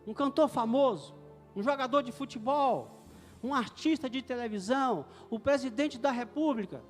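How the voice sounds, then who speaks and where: A middle-aged man preaching a sermon in a church hall, fervent and swelling to loud declarations. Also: very high-pitched, moderate pace. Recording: echoey hall with music behind.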